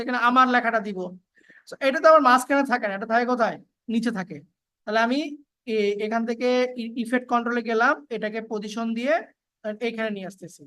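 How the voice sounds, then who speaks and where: A woman giving a casual, step-by-step software tutorial, with frequent fillers and repeats. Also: on the high side. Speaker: video editing tutor. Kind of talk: screen-recorded software tutorial.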